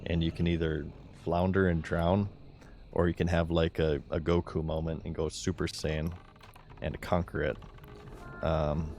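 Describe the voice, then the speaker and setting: Monotone, deep-voiced man, low-key streamer. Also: gravelly, slight background noise. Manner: low-energy, unforced delivery. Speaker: game live streamer. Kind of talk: casual chat while gaming.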